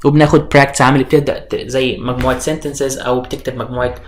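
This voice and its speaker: Man, Egyptian Arabic accent, IELTS instructor, fast, mid-pitched, code-switching, lots of fillers and restarts. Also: level tone, slight background noise. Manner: mixes English terms into Arabic, many fillers and restarts. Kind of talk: online course introduction lecture.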